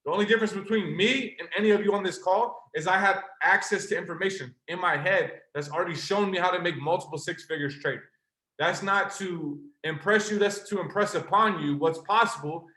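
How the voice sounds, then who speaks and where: A young man pitching to a webinar audience with earnest passion, addressing his listeners directly. His voice sits a little high and sounds bright and forceful. The audio carries a roomy echo. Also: fairly quick. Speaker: trading mentor presenting to a live call. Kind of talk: motivational sales pitch on a webinar.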